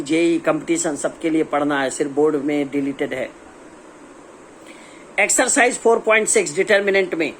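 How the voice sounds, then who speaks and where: Chatty Indian maths teacher. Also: male voice, a little high, a little hiss or hum. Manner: chatty, teasing, voices students' questions himself. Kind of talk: casual exam-prep lesson.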